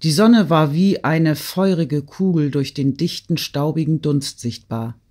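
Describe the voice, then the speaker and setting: A man reading a classic novel aloud in steady, measured audiobook narration. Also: fairly high pitch.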